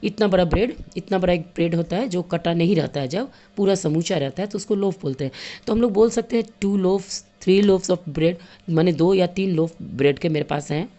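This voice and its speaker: Woman teacher for young kids; patient, repetitive, warm low tone, terms her speech. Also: moderate pace. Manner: patient, repeats and counts aloud with objects. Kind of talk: classroom lesson for children.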